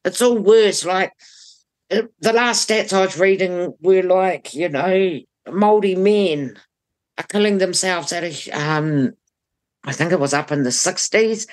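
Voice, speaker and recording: Woman, New Zealand accent, lower pitch, blunt, emphatic, conversational, opinionated interview guest. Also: lively intonation, a little slow. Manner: blunt, emphatic, repeats phrases for stress.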